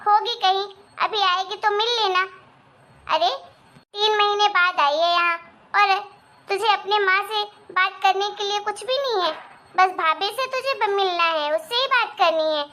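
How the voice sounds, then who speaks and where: Cartoon mom, nagging and sulky, slow and lower, bright tone, played by a woman. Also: exaggerated voice. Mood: grumbling. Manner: complaining, sulky. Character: nagging, jealous middle-aged mother. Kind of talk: animated cartoon voice acting.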